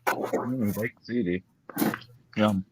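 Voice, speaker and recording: A YouTuber with a fairly low voice chats casually on a live stream, joking, laughing often, and eating as he talks. He speaks extremely slowly, and the call audio is slightly dull with faint noise.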